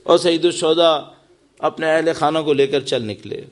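A man preaching a mourning sermon, impassioned and building to lamenting cries. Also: a little high.

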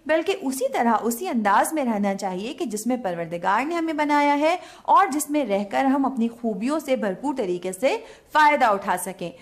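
A woman narrating a children's fable, ending with a gentle moral for kids. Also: fairly high pitch. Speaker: storyteller.

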